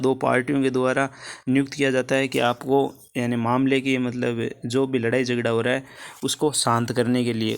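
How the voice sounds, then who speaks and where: Hindi-speaking man teaching English grammar. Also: medium pitch. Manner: explanatory, repeats key words and "ठीक है" to check in with students. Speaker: exam coaching teacher. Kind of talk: explaining answer key in Hindi with English terms.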